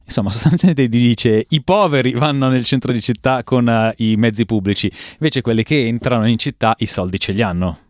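A man's voice: medium pitch, brisk, hardly any pauses, no echo, clean studio sound. A man from Italy hosting a radio phone-in in a conversational presenting style. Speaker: radio host. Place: radio studio. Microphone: close studio microphone.

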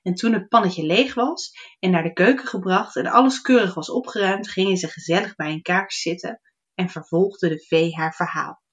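A woman recommending a children's fairy tale and reading an excerpt aloud in a lively storytelling manner. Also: on the low side, normal speed. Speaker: book reviewer.

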